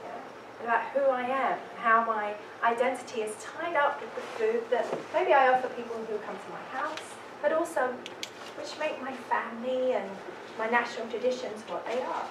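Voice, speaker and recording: At a normal speed and a slightly high pitch, an English woman with a London accent runs a panel discussion, chatting warmly with the audience and quizzing them. Background noise is present, and her voice carries from some way off in a large hall.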